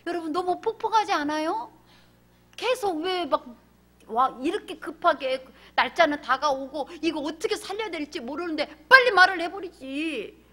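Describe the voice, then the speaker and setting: A woman pastor preaches a sermon, acting out the characters and firing questions at her congregation. Her voice is high and bright throughout. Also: normal speed. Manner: animated, acts out characters, asks the congregation questions.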